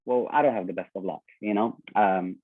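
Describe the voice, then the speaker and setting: A man's voice: lowish voice, fairly quick, slightly rough, no room sound. A man, politely telling his story as a guest on a call, with many ums and "okay?". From London, United Kingdom. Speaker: trading educator and guest. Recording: dry, tinny phone-like call line.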